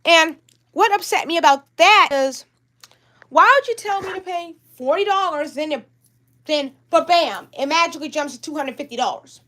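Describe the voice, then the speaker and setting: Brief: young woman, high voice, upset rambling livestream vlogger. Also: normal speed, sharp tone. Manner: upset, rambling, repeats herself. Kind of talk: livestream vlog talk.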